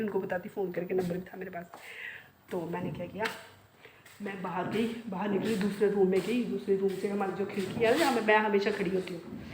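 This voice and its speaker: A middle-aged woman chats casually to her viewers from home, rambling and circling back over her own words. Her voice sits at an ordinary pitch. The room is echoey, with a steady noise underneath. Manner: rambling, repeats herself, talks to viewers directly. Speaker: vlogger. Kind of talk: casual chatty storytelling to viewers. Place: home, indoors.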